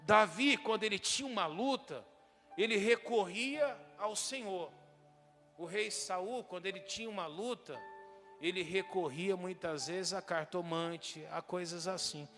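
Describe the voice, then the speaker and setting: A male pastor preaching a lively sermon in a church, often asking the congregation questions and raising his voice for emphasis. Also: sits high, a little slow, long reverb tail, soft background music. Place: church hall.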